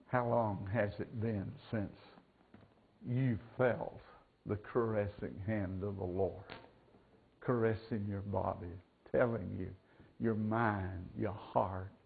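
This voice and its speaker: Slow-preaching man at a pulpit microphone. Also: fairly low pitch, fairly even intonation, creaky, a little hiss or hum. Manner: slow, deliberate preaching that drops to a hush and swells up again. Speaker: pastor. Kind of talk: sermon. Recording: tinny lo-fi church recording.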